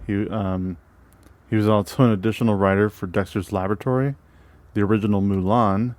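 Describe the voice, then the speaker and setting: A man co-hosting a casual movie podcast. He reads film credits haltingly, with many fillers and restarts. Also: on the low side, steady tone, a little mellow, no echo. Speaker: podcast co-host.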